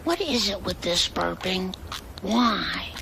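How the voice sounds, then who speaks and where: A woman voicing a strict, exasperated cartoon mother, scolding primly in a gravelly, raspy voice. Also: on the low side, lively intonation, noisy background, full character voice. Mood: stern, exasperated. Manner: scolding, prim, drawn-out delivery. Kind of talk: animated cartoon acting.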